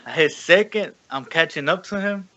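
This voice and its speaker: A man's voice: a little high, normal speed, fairly bright tone, dull audio. A young man in casual chat, self-deprecating, swearing freely and stammering.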